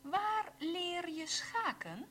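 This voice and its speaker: Female drill reader: very slow, careful diction, highly melodic delivery. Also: sing-song, sharp tone, slight background noise. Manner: slow, carefully pronounced sentences. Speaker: language teacher reading examples. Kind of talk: slow read-aloud language drill.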